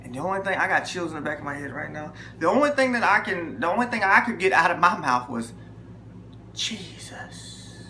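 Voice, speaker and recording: A man's voice: on the high side, fast talker, hardly any pauses, slight background noise. A man telling a personal testimony, emphatic and storytelling. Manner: emphatic, lively storytelling with acted quotes. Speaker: testimony speaker. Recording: echoey room with faint ambience.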